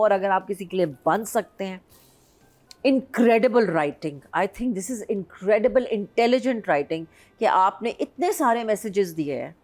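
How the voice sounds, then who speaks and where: A woman's voice: medium pitch, darkish tone. A woman in her fifties, reviewing a drama on a panel in an emphatic, heartfelt way. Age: 50s. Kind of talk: casual chat reviewing a drama.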